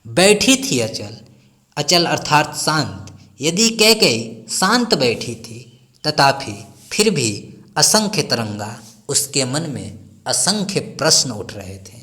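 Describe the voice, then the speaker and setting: A man's voice: on the high side, sing-song, slow pace, pushed and bright. A male teacher explaining a poem line by line, reciting each verse and then paraphrasing it.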